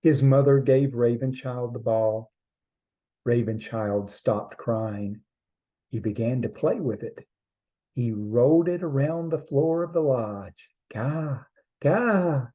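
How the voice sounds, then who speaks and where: Very mellow, slow male storyteller. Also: medium pitch. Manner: measured short phrases with deliberate pauses. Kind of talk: slow storytelling of a traditional trickster tale.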